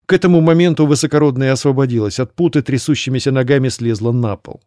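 A man reads a fantasy audiobook in a steady, measured storytelling style. His voice sits in the mid-range, and the recording is dry and studio-clean.

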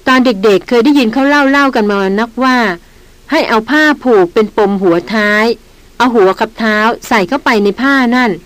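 A woman's voice: fairly high pitch, dry recording, close to an everyday voice, low-quality recording. A woman reading the lines of a petulant young woman scholar in an audiobook, with a slightly raised voice. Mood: curious. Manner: petulant, quick to snap back. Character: pert young woman scholar, sharp-tongued.

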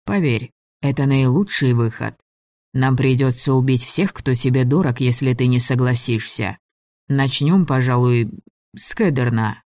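A scheming old elder mage who speaks calmly and smoothly while threatening, read by a man. His voice sits mid-pitched and even. The recording is close and dry. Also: a little slow, no echo, natural voice. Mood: coldly calm. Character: old male elder mage, falsely gentle, menacing. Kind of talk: audiobook reading.

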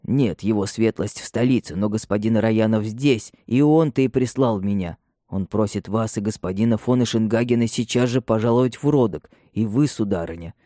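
Серьёзный управляющий имением почтительно и приглушённо рассказывает о несчастье, его читает мужчина. Голос тёмный и мягкий, запись сухая и близкая. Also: male voice, on the low side, normal speed, dark tone, dry recording, studio quality, lightly acted. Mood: grave. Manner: subdued, respectful. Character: grave male estate steward bearing bad news.

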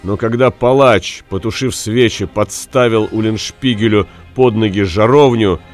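A man reading a story aloud as narrator, in a measured way that drops at the ends of phrases. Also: on the low side, faint music behind. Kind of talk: audiobook reading.

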